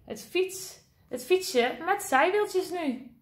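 A woman's voice: very high-pitched, expressive, slow pace. A woman teacher reading a picture book aloud to young children, sing-song and asking them questions.

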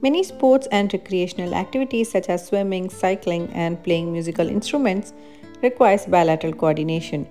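A woman's voice: fairly low pitch, brisk. A woman reading a scripted voice-over that explains activities step by step. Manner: even, explanatory reading of benefits. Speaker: narrator of a parenting activity video. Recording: voice-over with faint guitar music.

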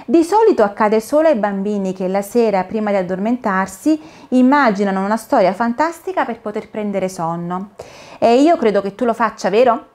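A woman's voice: medium pitch, expressive, moderate pace, darkish tone, natural voice. A woman voicing a polite, earnest little male caterpillar who speaks in a solemn, careful storybook manner. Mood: gentle.

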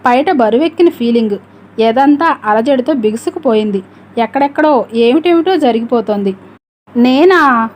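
A woman narrating an audiobook story in a steady, measured reading voice. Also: a little high.

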